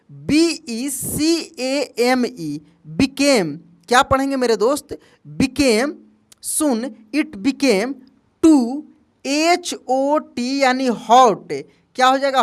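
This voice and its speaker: A man's voice: extremely high pitch, fairly bright tone. A man teaching an English lesson who spells words out letter by letter, then asks his own quiz questions and answers them, calling listeners his friend. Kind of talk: spoken language lesson.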